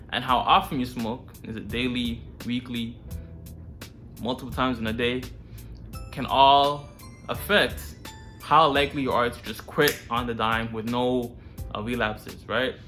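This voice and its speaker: Talking straight to the viewer, a man hosts a self-improvement series with loose, slangy, informal advice. His medium-pitched voice sounds pushed and bright.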